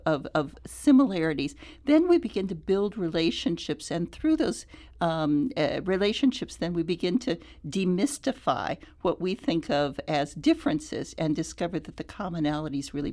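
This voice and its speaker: A woman with a low voice speaks as a guest on a radio program. She is thoughtful and halting, circling back to restart her sentences. The studio sound is clean. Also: big pitch swings, mellow. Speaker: nonprofit CEO, guest. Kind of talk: radio interview.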